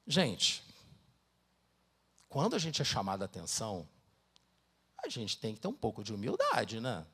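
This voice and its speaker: A man's voice: mid-range voice, gravelly, a bit bright, slightly rough. A middle-aged man with a Brazilian Portuguese accent, preaching a sermon as pastor, mixing personal stories with dramatic Bible reading.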